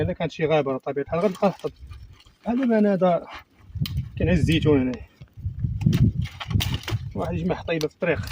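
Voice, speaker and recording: Fast-talking Moroccan man, noisy outdoor recording. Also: fairly high pitch. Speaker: vlogger on a bicycle trip. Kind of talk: casual outdoor vlog chat. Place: outdoors on a rural road.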